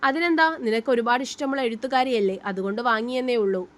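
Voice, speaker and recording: A woman's voice: on the high side, expressive, quick pace, natural voice. Woman reading as an earnest young man in love. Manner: heartfelt, pleading.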